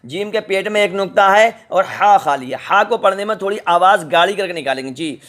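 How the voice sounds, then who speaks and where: A middle-aged man with a high, animated, fairly bright voice leads a recorded lesson on the Quran's alphabet. He takes a patient, repetitive approach, sounding out the letters slowly.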